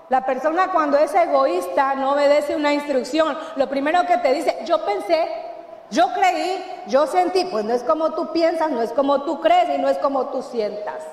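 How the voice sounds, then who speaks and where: A woman pastor with a Mexican Spanish accent, preaching a sermon and often asking the congregation questions. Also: high voice. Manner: emphatic preaching with call-and-response questions. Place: church hall. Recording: echoey church hall, long reverb.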